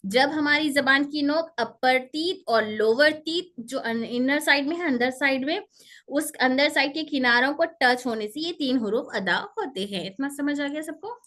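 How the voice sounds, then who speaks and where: This is a woman running a pronunciation class. Her voice sits high and sounds clear and bright. She moves at an unhurried pace, explaining patiently and drawing out each sound for practice. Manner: slow, drawn-out demonstration of letter sounds. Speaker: teacher of Quranic pronunciation. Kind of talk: online class lesson.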